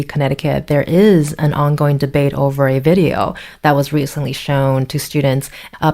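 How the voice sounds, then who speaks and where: A woman's voice: low-pitched, a little mellow. A woman, hosting a conversational public radio interview.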